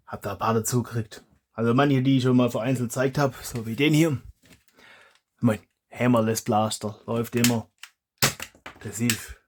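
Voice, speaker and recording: A man's voice: medium pitch, slight background noise. A man, a hobby YouTuber chatting casually as he reviews toy blasters, rambling and correcting himself aloud.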